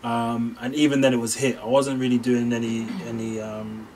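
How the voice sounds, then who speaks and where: A young man talks through his routine in an easygoing, loose way. His voice sits at an ordinary middle pitch. He is a little away from the mic, with a faint background hiss. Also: level tone, normal speed, a little mellow, recorded from a distance, low-quality recording. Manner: laid-back, explains loosely. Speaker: host. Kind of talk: casual chat.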